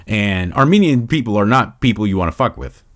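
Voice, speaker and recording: A man's voice: fairly low pitch, animated, brisk. A middle-aged man from Los Angeles, hosting a casual Q&A show, rambling and swearing freely. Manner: rambling, profane, lots of restarts. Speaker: podcast host. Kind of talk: casual Q&A monologue.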